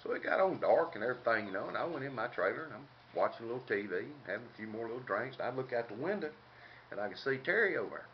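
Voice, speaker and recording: Here the same kind of storyteller, an older man with a Southern drawl, tells a laid-back funny story packed with country slang and folksy charm. He speaks at a medium pitch, quickly, with lively intonation, over background noise on a dull lo-fi home recording.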